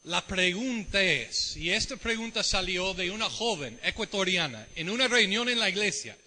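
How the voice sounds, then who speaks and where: A middle-aged American man with an Ecuadorian Spanish tint preaches a sermon in a church. His voice sits high and rings very bright, and he keeps asking the congregation questions. A long church reverb trails after his words. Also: animated, normal speed. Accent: American with Ecuadorian Spanish mix. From United States. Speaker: visiting preacher.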